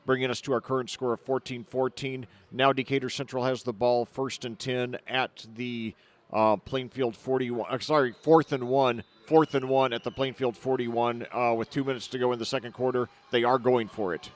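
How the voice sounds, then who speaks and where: A man doing color commentary for a high school football broadcast, openly rooting for the home side and loose with fillers. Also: level tone, moderate pace. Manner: partisan, loose with fillers, recaps the score.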